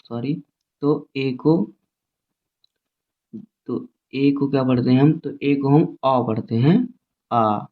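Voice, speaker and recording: A man teaching English phonics in a slow, repetitive classroom style, spelling words out letter by letter. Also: medium pitch, fairly even intonation. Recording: tinny phone-like audio.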